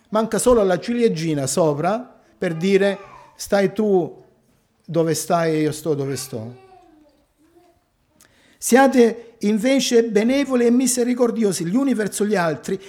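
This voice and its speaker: A man preaching a sermon to his congregation, asking rhetorical questions and pausing for emphasis. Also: on the high side, darkish tone.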